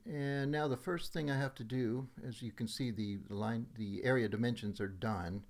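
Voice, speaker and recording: In a voice-over on a screen recording, a software demonstrator walks through a tutorial step by step, methodically announcing each action as he does it. His mid-range voice is darkish and moves at normal speed.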